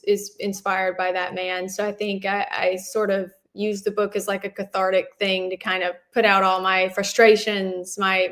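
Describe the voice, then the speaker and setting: A woman's voice: mid-range voice, a bit bright. A woman author who reads from her novel and then answers interview questions in an earnest, reflective way.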